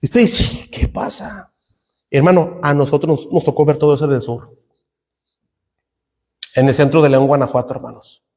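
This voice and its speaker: A man's voice: a little high, moderate pace, long pauses, darkish tone, in a large hall. A middle-aged Mexican man preaching a fervent sermon in a Mexican Spanish accent, calling out to the brethren every few words. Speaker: pastor.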